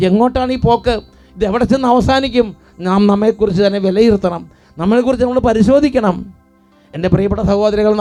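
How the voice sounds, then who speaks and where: A middle-aged priest with a Malayali accent preaching a sermon, repeating phrases in a fervent, rising, pleading cadence. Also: male voice, high-pitched, warm tone.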